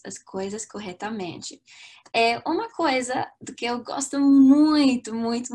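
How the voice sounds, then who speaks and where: This language teacher from Latvia has a slightly high, husky voice and an upbeat, youthful energy. Over a webcam in a small room, she runs a live online language lesson in a lively, chatty way, with plenty of fillers and restarts.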